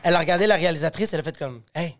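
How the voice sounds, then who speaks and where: A man's voice: on the high side, rapid-fire, fairly bright tone. A man with a Quebec French accent telling anecdotes in casual, slangy chat and acting out the dialogue. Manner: slangy, acts out quoted dialogue. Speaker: actor on a talk panel.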